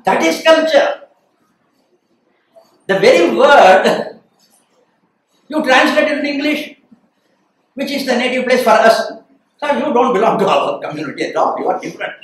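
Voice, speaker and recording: High-pitched older South Indian man lecturing. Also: sing-song, moderate pace, pauses often, a bit bright. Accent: South Indian (Tamil). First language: Tamil. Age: 60s. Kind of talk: animated storytelling lecture with acted dialogue. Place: small lecture room, standing before a seated audience. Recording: echoey room, far from microphone.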